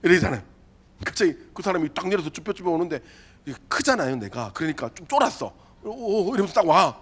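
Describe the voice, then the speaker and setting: A male youth pastor preaches to teenagers in a bright, high voice that leaps up and down as he tells a story. He slips into comic voices for the people in it and keeps turning to his listeners with direct, chatty questions. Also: big pitch swings, quick pace. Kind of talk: sermon to a youth group.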